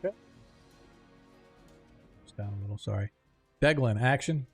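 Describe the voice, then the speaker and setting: A man running a tabletop fantasy game as game master, improvising descriptive narration in a halting way. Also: medium pitch, breathy edge, faint music behind.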